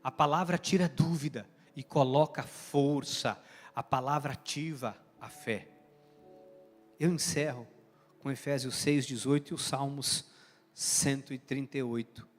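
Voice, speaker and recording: A man with a Brazilian Portuguese accent, a bishop preaching a passionate sermon with emphatic swings between loud and soft delivery, in a church sanctuary. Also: medium pitch, fairly even intonation, a little slow. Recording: reverberant church hall with soft music.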